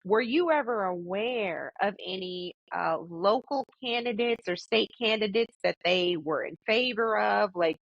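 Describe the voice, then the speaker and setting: Woman chatting as interviewer, emphatic, repeats herself, dull low bitrate sound, pretty dry. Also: animated, measured pace, vocal fry, few pauses, dry recording. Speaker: interviewer, daughter questioning her father. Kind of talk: conversational family oral history interview. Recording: muffled low-bitrate lo-fi audio.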